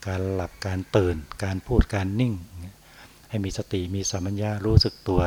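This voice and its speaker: A man, a Buddhist monk, giving an unhurried dharma talk on meditation and tagging his phrases with a soft particle. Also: low voice, steady tone, slight background noise.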